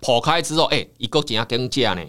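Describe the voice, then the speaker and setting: A man, a counseling psychologist telling a folk tale in a lively, dramatic way on a podcast. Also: medium pitch, fast. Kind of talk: animated storytelling in a podcast.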